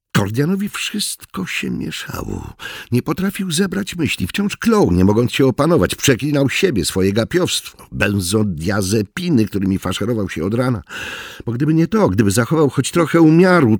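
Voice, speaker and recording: A man's voice: medium pitch, no echo, clean studio sound. A man reading a thriller aloud as a scripted narration and voicing each character himself. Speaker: audiobook narrator.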